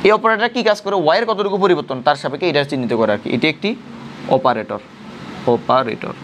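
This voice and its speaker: High-voiced man tutoring in class. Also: sing-song, racing, background noise. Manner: questioning students, repeating points. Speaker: physics tutor. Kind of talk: classroom lecture.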